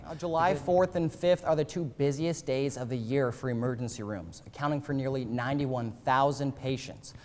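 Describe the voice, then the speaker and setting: A young man reporting the news for local television, in a crisp, upbeat broadcast delivery. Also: medium pitch, a little mellow. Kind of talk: news reporting and live stand-ups.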